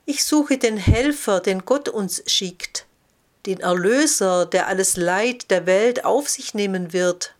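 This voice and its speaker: A woman voicing a wise, gentle female snail in a storybook reading, speaking in an encouraging, thoughtful way. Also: mid-range voice, slow, natural voice. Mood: earnest.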